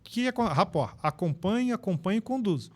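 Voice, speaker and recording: A Brazilian man explaining ideas in an animated, instructive way as a guest on a casual podcast. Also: high-pitched, normal speed. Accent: Brazilian Portuguese. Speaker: podcast guest, NLP trainer.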